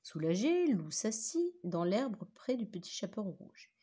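Animated woman reading a kids' story. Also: mid-range voice, measured pace, slightly rough. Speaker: teacher reading aloud. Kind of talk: children's story read-aloud.

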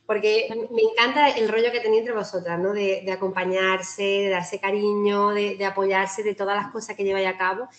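A woman's voice: mid-range voice, flat delivery, moderate pace, few pauses. A woman physiotherapist with a Spanish accent giving a chatty, informal talk to a breastfeeding group over a video call, with many tag questions and restarts. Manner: chatty, warm-hearted, frequent "¿no?" tags and restarts.

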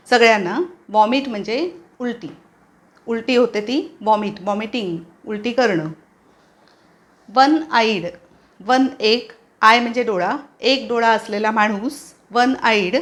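A woman with a Marathi accent teaching English vocabulary, spelling each word out letter by letter and explaining it plainly. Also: on the high side. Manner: spells words out letter by letter, slow and careful. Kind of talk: vocabulary lesson.

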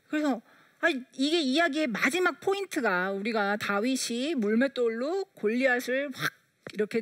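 A woman's voice: a little high, dry recording, clean studio sound. A woman giving a lecture on parenting, telling stories and acting out the dialogue in quoted voices. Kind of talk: storytelling lecture.

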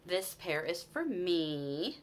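This woman, a vlogger in her forties with a Utah American accent, has a fairly low, sing-song voice and talks slowly, with slight background noise. Filming a shopping haul in a small room at home, she chats to camera with enthusiasm, often restarting and calling out "you guys."

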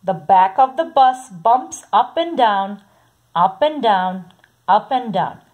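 A woman reading a children's picture book aloud in a slow, sing-song way, saying the repeated sounds softly. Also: mid-range voice, animated, slight background noise. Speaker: storybook reader.

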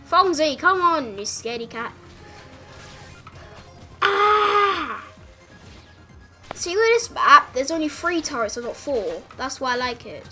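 A woman narrates her own gameplay with a very bright, high voice that leaps up and down as she reacts. She talks at an easy, unhurried pace between excited shouts and yelps, with faint game music under her commentary. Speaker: gaming channel host.

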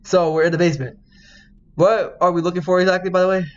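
A man's voice: sits high, level tone, a little fast, highs cut off. A man casually reading a game's dialogue aloud while he plays, swearing, laughing and yelping when something startles him. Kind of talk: casual let's-play commentary.

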